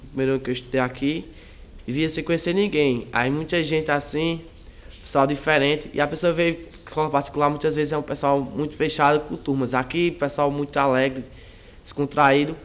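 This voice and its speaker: A teenage high school student answers interview questions in a soft, rambling way, often pausing and restarting. His voice sits a little high for a man is clear. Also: steady tone. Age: teens.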